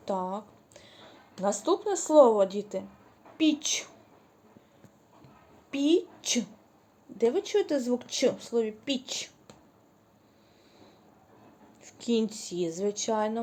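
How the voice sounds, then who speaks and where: A woman teaching a preschool reading lesson, drawing out syllables slowly and praising the children cheerfully. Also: a little high, warm tone. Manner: slow, drawn-out syllables when modeling words. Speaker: kindergarten teacher.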